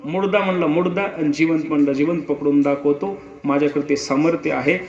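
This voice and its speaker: A man's voice: a little high, steady tone, brisk, a little mellow, roomy sound, lo-fi sound, lightly acted. A man voicing an arrogant enemy general who boasts and sneers at his foe. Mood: scornful. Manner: scornful, gloating.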